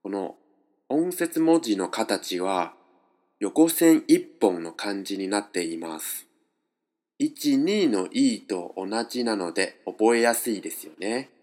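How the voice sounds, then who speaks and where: Slow, patient male language teacher. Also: on the low side, animated, darkish tone. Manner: explains step by step, switching between two languages. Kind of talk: slow, patient pronunciation lesson.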